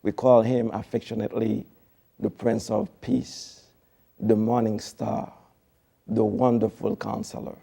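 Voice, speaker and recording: Man from haiti, dark gravelly voice, formal and churchy, lots of uhs, studio guest. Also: fairly low pitch, little pitch movement, measured pace. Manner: formal, devotional phrasing with hesitant fillers. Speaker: TV producer, guest. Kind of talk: studio interview.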